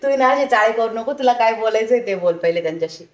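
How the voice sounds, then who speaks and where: A woman's voice: a little high, lively intonation, quick pace. A young woman filming a family vlog at a relative's home, chatting, teasing and coaxing her small son to talk. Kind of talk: casual family vlog chat.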